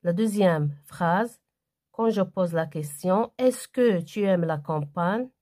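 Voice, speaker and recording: A woman giving a primary school grammar lesson, reading exercises aloud and answering them one by one in a deliberate way. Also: on the low side, lively intonation, dark tone.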